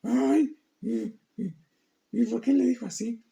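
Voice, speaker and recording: A man's voice: very high voice, takes it slowly, vocal fry, dark tone, exaggerated voice. A man voicing a curious listener who keeps asking questions and exclaiming in sympathy. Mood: eager.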